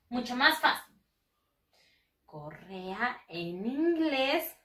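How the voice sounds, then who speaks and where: A woman teaching English to first graders in a bilingual lesson, slow and exaggerated, patiently repeating words for the children to copy. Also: a little high, fairly bright tone, far from the mic. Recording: echoey room, speaking away from the mic.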